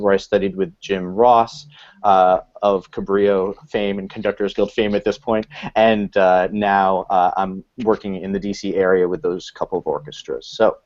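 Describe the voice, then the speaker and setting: Guy hosting a video call panel, lowish voice, muffled call audio. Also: steady tone, moderate pace, a little mellow. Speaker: moderator.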